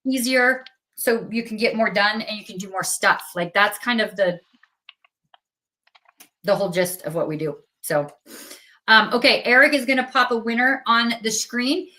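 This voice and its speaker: Bright, bubbly woman hosting a livestream. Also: a little high, moderate pace. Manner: bubbly, chatty, upbeat. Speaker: livestream host for a craft company. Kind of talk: live sales stream chat.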